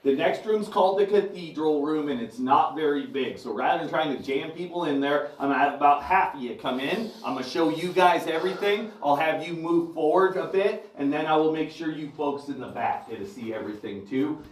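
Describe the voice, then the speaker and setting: Guy giving a cave tour, kinda high voice, friendly directions, heavy cave echo, mic a bit far off. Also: fairly quick, few pauses. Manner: friendly, giving directions and safety tips to visitors. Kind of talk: guided tour talk to a group. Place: underground cave. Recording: echoey cave, voice heard from afar.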